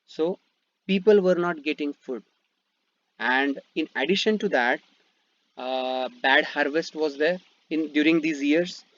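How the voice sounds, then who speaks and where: A man's voice: a little high, unhurried, a bit bright. A man with an Indian English accent and Marathi as his first language, teaching a history lesson over slides, with rhetorical questions and frequent fillers. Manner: explains step by step, asks rhetorical questions, frequent fillers and restarts. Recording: dull dry lo-fi voice-over.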